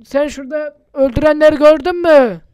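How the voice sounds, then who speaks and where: High-voiced chatty gaming YouTuber man. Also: brisk, lo-fi sound, background noise. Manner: chatty, mutters to himself, swears often. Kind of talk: casual gameplay commentary.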